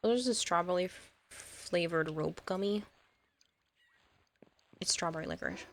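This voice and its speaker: A woman's voice: lowish voice, normal speed, slight background noise. A woman streaming a game, chatting casually with her viewers and reading out their comments, rambling along and laughing easily.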